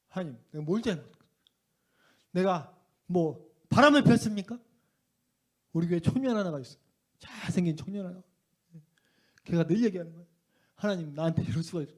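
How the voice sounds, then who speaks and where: A middle-aged man preaching a sermon in a church, telling his story with passion and moving between shouts and hushed tones. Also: a little high. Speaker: revival preacher. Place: church sanctuary.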